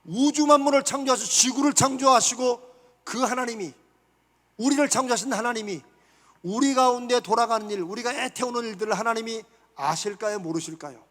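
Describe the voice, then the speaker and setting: A man with a strikingly high voice delivers a sermon in a church sanctuary. He keeps putting questions to his listeners and then answers them himself. Long reverb from the hall trails after each phrase. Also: a little fast, a bit bright. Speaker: pastor.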